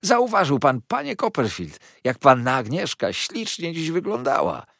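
Casting note: a syrupy, groveling young clerk, sly and falsely humble, pitched high and pushed loud, read by a man in a storybook reading. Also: wildly swooping pitch, normal speed, no room sound, studio quality, full character voice. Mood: fawning. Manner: sugary, wheedling, obsequious.

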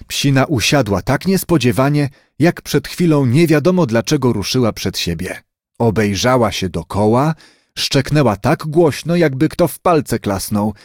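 Man reading a kids storybook aloud, bouncy lively pitch, dry close sound. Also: no room sound. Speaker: audiobook narrator. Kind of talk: scripted storybook narration.

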